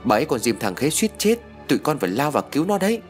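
A man's voice: medium pitch, sing-song, racing, faint music behind, pitched above the performer's own voice, lightly acted. A man voicing cheeky village boys eagerly tattling to an adult.

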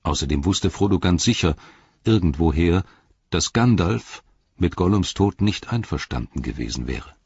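Brief: low-voiced male audiobook narrator, breathy, dry close sound. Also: lively intonation, a little mellow, dry recording, muffled recording. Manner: measured storytelling. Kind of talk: scripted narration.

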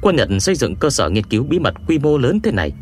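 A man reading an adventure audiobook aloud in a measured, expressive first-person storytelling manner. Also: mid-range voice, soft background music. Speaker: audiobook narrator. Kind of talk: scripted first-person narration.

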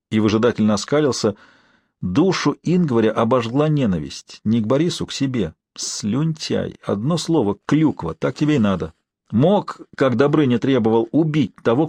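A man narrating an audiobook in a measured storytelling manner, close to the mic. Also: mid-range voice, darkish tone, no echo.

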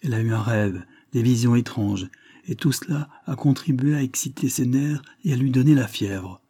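A man's voice: medium pitch, moderate pace, warm tone, breathy edge. A man voicing a tender, emotional young woman in a storybook reading, in a slightly raised, earnest tone. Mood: anxious.

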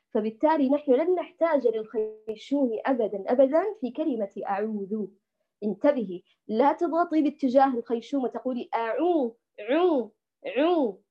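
A woman teaching Quran recitation. She models each letter sound slowly and carefully and puts questions straight to her students. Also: on the high side, dull audio. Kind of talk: tajweed lesson, demonstrating sounds.

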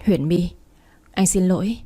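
Woman as young man, resigned, apologetic, mellow. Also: lowish voice, measured pace, slightly rough. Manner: sighing, apologetic.

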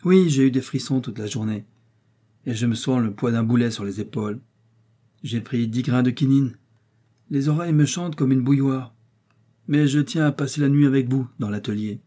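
A man's voice: medium pitch, moderate pace, dark tone, lightly acted. A man voicing a stern, feverish male manager who speaks curtly, in an audiobook reading. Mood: weary. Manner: curt, commanding.

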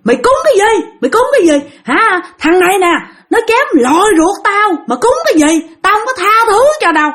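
Woman doing a shrill vengeful spirit. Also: big pitch swings, a little fast, hardly any pauses, heavily acted. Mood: furious. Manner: shrill, menacing, shouting threats. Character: vengeful old female spirit possessing a young man.

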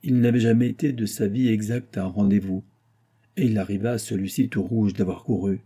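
A man reading a novel aloud in a measured, even storytelling manner. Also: on the low side, breathy edge. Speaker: audiobook narrator.

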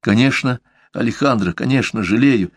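A man voicing an anxious young man who earnestly pleads with his lover, speaking in a raised pitch. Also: normal speed, husky, no echo, studio quality. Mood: soothing. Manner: earnest, imploring.

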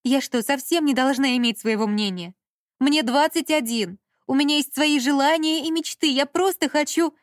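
Woman voicing a young woman yelling back at her mom, high and loud, dry mic. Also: normal speed, dry recording, lightly acted. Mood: pleading. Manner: raised, pleading and defiant. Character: defiant young woman of 21, fed up. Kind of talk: audiobook character reading.

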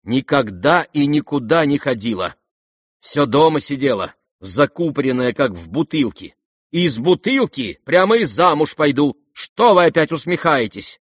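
A man's voice: on the high side, sing-song, normal speed, dry recording, clean studio sound, voice pushed up. A man reading aloud and voicing a proud, irritable young noblewoman who speaks sharply and indignantly.

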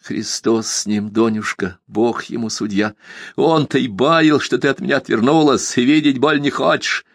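A man's voice: mid-range voice, steady tone, moderate pace, no echo, studio quality, lightly acted. A man reading an audiobook, voicing a tearful young village woman who pleads and cries out. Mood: anguished. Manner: pleading, sobbing, rising to cries.

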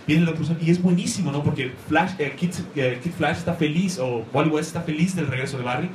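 Speaking fast in a higher-pitched voice, a man rambles enthusiastically about comics before a live audience, often hunting for the right words. The recording comes from an echoey room with faint noise.

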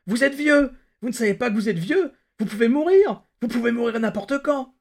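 Un homme jouant un adolescent paniqué et criard. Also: male voice, expressive, slow pace, warm tone, full character voice. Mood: panicked. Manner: shrill, shocked pleading. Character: frightened teenage boy, panicking.

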